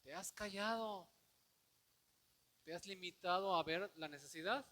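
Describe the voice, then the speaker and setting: A man preaching a sermon, asking the congregation rhetorical questions and swinging from quiet, low passages to loud declamation. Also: measured pace. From Mexico. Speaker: pastor.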